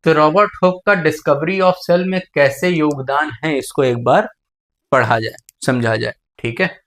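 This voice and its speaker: A man with a high-leaning, fairly bright voice teaches a biology lecture a little slowly. Addressing students as "beta," he poses questions and supplies the answers himself.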